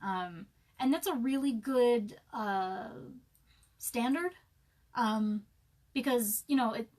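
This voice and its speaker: Woman, 30s, author doing a live-stream chat; slightly higher voice, loose and rambling, self-deprecating. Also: takes it slowly, darkish tone. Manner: rambling, chatty, self-mocking, many fillers.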